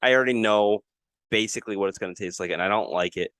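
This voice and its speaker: Low smooth voiced dude rambling on a podcast, sarcastic, dry mic. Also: male voice, fast talker, fairly bright tone, no room sound. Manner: rambling storyteller, wry and sarcastic. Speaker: podcast co-host. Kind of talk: casual chat.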